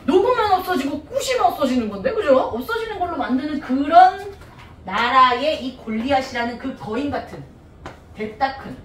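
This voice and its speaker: A woman's voice: high voice, very animated, normal speed, a little hiss or hum. A woman Sunday school teacher giving a playful, chatty Bible lesson to children in a church hall, laughing often. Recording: echoey hall, voice from a distance.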